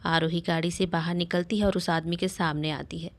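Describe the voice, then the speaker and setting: A woman's voice: little pitch movement, fairly quick. A woman reading a romantic story aloud, voicing every character's lines herself. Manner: reads all parts in her own voice, lifting pitch for dialogue. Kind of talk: scripted story narration.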